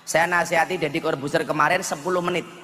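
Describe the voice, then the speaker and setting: A male preacher giving a humorous wedding sermon, animated and joking, at a large gathering. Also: a little high, fast, slight background noise. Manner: joking, animated, slips into Javanese dialect and sung verses. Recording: echoey hall with faint ambience.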